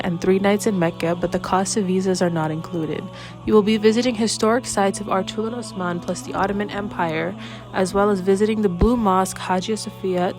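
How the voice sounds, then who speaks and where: A woman reading a travel and services advertisement in an even, clear manner. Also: mid-range voice. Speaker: announcer. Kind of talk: read advertisement. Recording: announcement over loud music.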